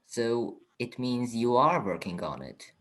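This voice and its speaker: A man's voice: medium pitch, big pitch swings, measured pace, a bit bright. A man hosting a podcast, asking questions with hesitant phrasing. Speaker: podcast host. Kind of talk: interview questions.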